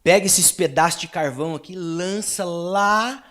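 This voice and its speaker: A man with a Brazilian accent voicing a calm, patient father speaking gently to his son. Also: high-pitched, a little slow.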